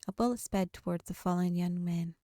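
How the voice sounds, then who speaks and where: Reading visual novel lines in a narrative style, this woman, a gaming video host, speaks briskly in a lowish voice. The recording is dry and studio-clean, with soft game music in the background.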